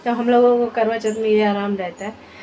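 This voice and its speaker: A woman chatting through a family vlog at home, tired from fasting. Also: fairly high pitch, fairly even intonation, mellow, highs cut off, a little hiss or hum. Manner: chatty, homely storytelling. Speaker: vlogger.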